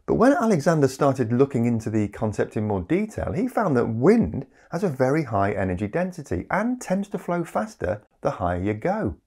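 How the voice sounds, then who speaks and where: A video presenter delivers a scripted explainer to camera in a conversational way, tossing in rhetorical asides. His mid-range voice is very animated, slightly rough and darkish, moving at normal speed with hardly any pauses. He's recorded on a lapel mic in a small home study.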